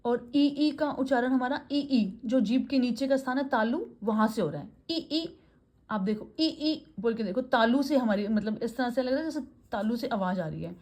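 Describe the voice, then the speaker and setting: Female teacher, slightly high voice, runs a classroom-style grammar lesson and answers her own questions. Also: darkish tone. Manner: drills sounds by repeating them slowly; mixes Hindi with English phrases.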